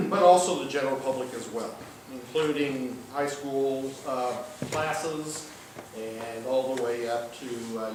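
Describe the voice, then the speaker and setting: Echoey older man. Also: mid-range voice. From Ozarks, southern Missouri, US. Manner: folksy, halting delivery with pauses. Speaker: college professor, guest lecturer. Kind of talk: informal public lecture. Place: large indoor lecture room, recorded from afar. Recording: very echoey room, distant mic, faint noise.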